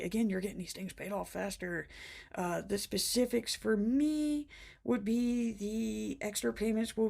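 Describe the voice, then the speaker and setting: A woman's voice: mid-range voice, vocal fry, mellow. A woman vlogger chatting casually to camera, laughing often and short of breath after being sick. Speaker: planner vlogger.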